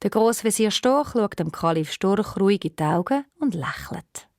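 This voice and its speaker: A woman with a Swiss accent tells a fairy tale for children in a lively, storytelling way. Her voice sits at a middle pitch and is recorded close and dry. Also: moderate pace, no echo. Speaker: narrator. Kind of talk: children's radio play narration.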